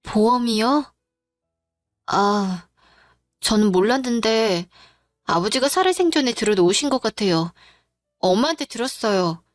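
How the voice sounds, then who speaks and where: A grieving young daughter, tearful yet firm and confrontational, as a woman puts her on. Her voice is slightly high, recorded close and dry, with soft music in the background. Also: animated, a little slow, pauses often, dry recording. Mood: upset. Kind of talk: storytelling drama voice acting.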